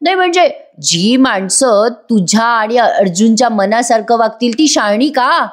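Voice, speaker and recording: A woman's voice: a little high, expressive, a little slow. A woman voicing a rude, spoiled young woman who mocks and sneers at her family. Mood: sneering. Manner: mocking, scornful.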